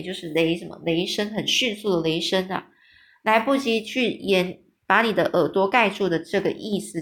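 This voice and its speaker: A woman reading a children's story aloud, lively, pausing to explain hard words in plain talk. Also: medium pitch. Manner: lively, with small restarts.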